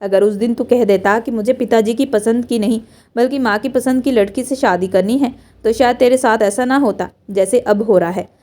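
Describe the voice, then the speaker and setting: A woman's voice: a little high, normal speed, a little mellow, close to an everyday voice. Woman reading as a haughty older mother-in-law. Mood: condescending. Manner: condescending, pompous.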